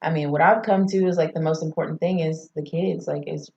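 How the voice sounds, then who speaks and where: Woman from Arkansas, very low voice, reflective guest, echoey muffled audio. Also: fairly even intonation, fairly quick, creaky, warm tone. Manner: reflective, rambling talk. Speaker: podcast guest, photographer. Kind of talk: casual chat. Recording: roomy, slightly muffled podcast audio.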